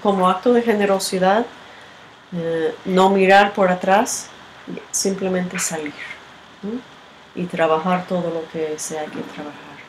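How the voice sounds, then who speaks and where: Give me a woman giving a slow, thoughtful group talk, her voice set against steady background noise. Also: fairly low pitch, rough recording. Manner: unhurried, halting, often ends with a questioning tag. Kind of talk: reflective teaching talk with a personal story.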